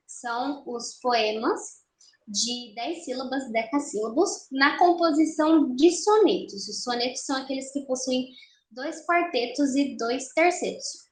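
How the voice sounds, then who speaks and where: A young woman with a high voice gives a recorded literature lesson. She explains step by step and slows down to count syllables one by one. The sound is roomy, with a clear echo. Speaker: teacher.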